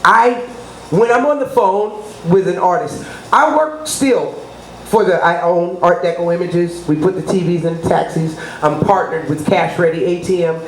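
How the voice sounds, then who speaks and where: A middle-aged woman with a lowish voice, speaking at normal speed, gives promotional interview talk as a radio personality. She's emphatic and boastful and keeps asking rhetorically whether the listener understands. The recording has roomy echo and clear background noise.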